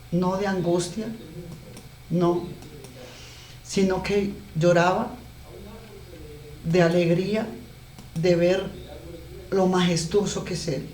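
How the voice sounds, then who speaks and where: A man's voice: high voice, darkish tone. A man preaching a sermon in an earnest, emotional way, often breaking off and restarting his sentences. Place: garage. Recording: echoey room, mic at a distance.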